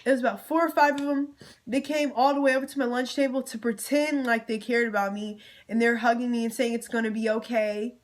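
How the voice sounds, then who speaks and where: A woman's voice: fairly high pitch, fairly even intonation, fairly quick. A young woman venting in a storytime vlog, emotional and close to tears at times, talking straight to her viewers with casual slang. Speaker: vlogger.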